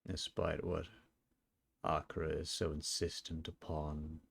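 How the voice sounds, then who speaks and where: A man playing a calm, wistful ancient sun champion, speaking slowly and solemnly in a live role-play. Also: a bass voice, creaky, breathy edge, exaggerated voice. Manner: slow, reflective, solemn storytelling.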